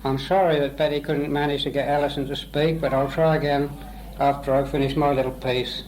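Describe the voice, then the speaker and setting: Higher-voiced man. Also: little pitch movement, a little fast, a little mellow, low-quality recording. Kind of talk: brief formal spoken letter to relatives. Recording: amateur tape with faint noise.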